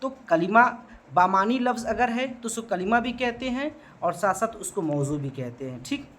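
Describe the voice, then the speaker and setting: A man's voice: sits high, expressive, normal speed, fairly bright tone. Man teaching grammar, quizzing aloud. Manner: asks the class questions, answers them himself, checks in with "ठीक?". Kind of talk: exam prep grammar lesson.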